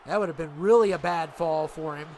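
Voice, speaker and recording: A middle-aged man with a stuffed-up nose commentates a video game wrestling show, his rather high voice rambling excitably and a little fast as he piles one filler on another. A faint hum sits in the background throughout.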